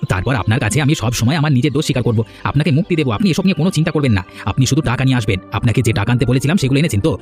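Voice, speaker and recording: A man's voice: medium pitch, animated, racing, darkish tone, faint music behind, pitched below the performer's own voice, natural voice. Man doing a sly wheedling thief.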